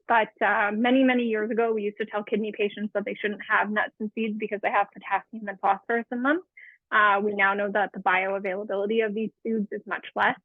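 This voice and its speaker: A woman's voice: fairly high pitch, no room sound. A woman in her thirties, a dietitian, explaining nutrition in a friendly way with many fillers during a live webinar cooking demo. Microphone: remote webinar call. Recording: tinny phone-like webinar audio.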